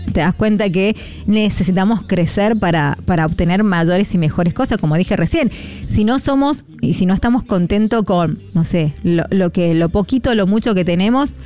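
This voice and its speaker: Warm-voiced Argentine woman radio host. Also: fairly low pitch. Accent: Argentine Spanish. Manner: rambling, hesitant, many fillers, encouraging. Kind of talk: devotional talk on air.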